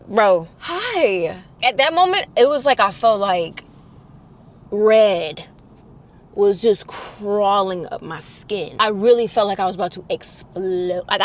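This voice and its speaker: A young woman telling a casual storytime, acting out quotes in a higher voice. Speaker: storytime vlogger.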